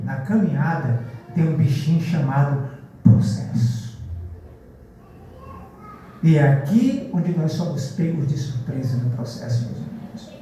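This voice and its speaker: A pastor preaching a sermon in a church, telling stories and acting out the people in them. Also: male voice, fairly high pitch, a little hiss or hum. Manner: lively storytelling preacher, acts out dialogue. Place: large church hall. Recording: very echoey church from far off.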